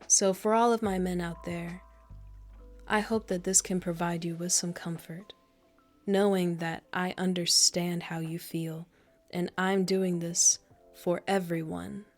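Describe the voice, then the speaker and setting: A woman ASMR creator talking in a soft, proper and a little monotone whispered role-play manner, slightly nasal, cooing endearments. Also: lowish voice, a little slow, soft background music. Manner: coos endearments like darling.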